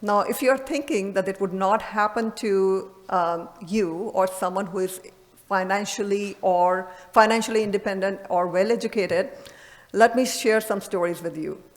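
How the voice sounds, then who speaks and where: In a reverberant hall, a woman delivers a medical conference lecture as the presenting radiologist, speaking earnestly and with emphasis in a mid-range voice.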